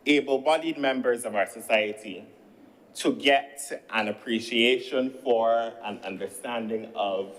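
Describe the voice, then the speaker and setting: A man's voice: mid-range voice, poor audio. A man in his thirties from Barbados with a Barbadian accent, giving a formal parliamentary speech as a senator and often addressing the chair. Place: legislative chamber.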